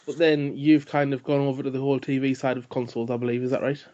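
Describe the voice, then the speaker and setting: A man's voice: medium pitch, little pitch movement, fast, mellow. A man co-hosting a podcast in jokey, teasing casual chat. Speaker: podcast co-host. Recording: dull lo-fi sound.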